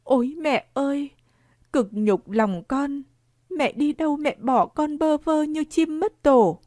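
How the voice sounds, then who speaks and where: A woman's voice: sits high, expressive, a little slow, darkish tone, no room sound, studio quality, pitched above the performer's own voice. A woman reading the part of a grieving peasant widow, wailing and pleading in a raised voice.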